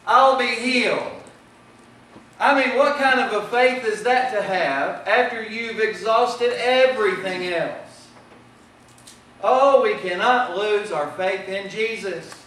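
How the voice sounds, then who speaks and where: A man's voice: high-pitched, fairly bright tone, heavy reverb, recorded from a distance, a little hiss or hum, poor audio. A man preaching a sermon with impassioned delivery that rises and falls in volume. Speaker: pastor. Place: church sanctuary.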